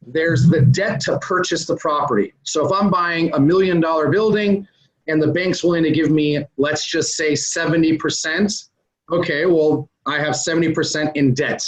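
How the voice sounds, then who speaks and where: A real estate investor in an interview talks through business ideas casually and step by step, peppering his speech with "um"s and "uh"s. He speaks a little high at a moderate pace, and the recording sounds dull and lo-fi.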